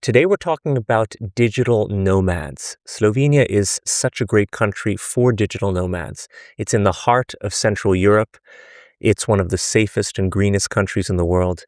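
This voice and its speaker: Low-voiced male podcast host. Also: moderate pace, darkish tone, no room sound, studio quality. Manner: friendly, conversational questioning. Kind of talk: podcast interview.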